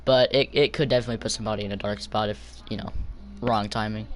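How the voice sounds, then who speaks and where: A man's voice: on the low side, steady tone, fast. Young man joking on a game stream. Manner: loud, joking, talks to chat. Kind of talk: casual game stream commentary. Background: background game music.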